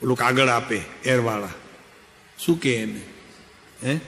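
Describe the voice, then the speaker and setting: A man's voice: mid-range voice, a little slow, gravelly, a bit bright. An older man, a spiritual teacher giving a conversational, anecdotal discourse and putting questions to his listeners. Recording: long hall reverb.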